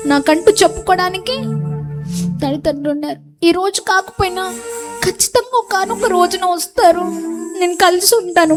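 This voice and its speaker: A woman shares her testimony in a church setting, her voice sitting very high. She speaks earnestly and circles back over the same phrases for emphasis. Worship music plays clearly beneath her words. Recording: clear background music under the voice.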